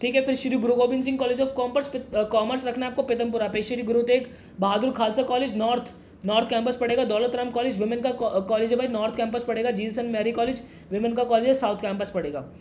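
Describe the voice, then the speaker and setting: A young man explains things quickly and casually, calling the listener "brother". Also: extremely high pitch, fairly even intonation, a little mellow, a little hiss or hum. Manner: fast, brotherly, addresses viewer as "mere bhai". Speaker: education YouTuber. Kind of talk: casual explainer talking to camera.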